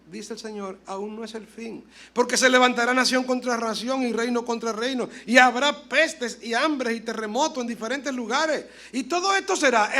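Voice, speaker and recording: Animated high-voiced male pastor preaching. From Dominican Republic. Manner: animated, swings between loud exclamations and soft asides; acts out dialogue in storytelling. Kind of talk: sermon.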